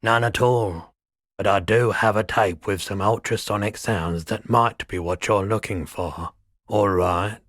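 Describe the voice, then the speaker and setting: This is a weary pawnshop owner from a video game, a man with a very deep voice who lingers over each phrase. He talks slowly and softly, wistful and relaxed, unhurried, low-key and deliberate. His husky voice is recorded close and dry.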